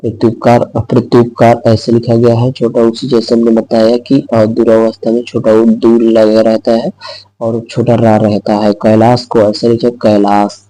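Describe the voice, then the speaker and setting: A man's voice: medium pitch, monotone, moderate pace, warm tone, no echo, rough recording. A man teaching an exam-prep lesson who repeats each word and answer aloud and explains step by step.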